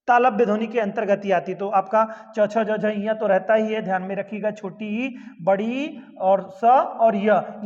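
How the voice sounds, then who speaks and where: A male Hindi teacher with a fairly high voice steps through an exam-prep grammar lesson, reciting letters one at a time and checking in with "theek hai" again and again. The sound is dull and lo-fi, with a long reverb hanging on every word. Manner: addresses viewers as friends, repeats "ठीक है" often, recites letters one by one.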